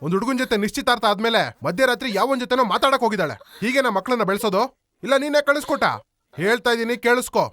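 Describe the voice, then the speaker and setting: A strict father scolds his family. His voice is high and quick, recorded dry and close. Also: fairly bright tone, dry recording. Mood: scolding.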